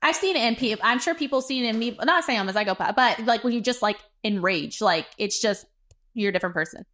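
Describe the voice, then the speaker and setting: A woman hosting a mukbang, telling a story in an animated way, swearing and acting out what people said. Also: fairly high pitch, fast talker. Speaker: mukbang host. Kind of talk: casual storytelling over a meal.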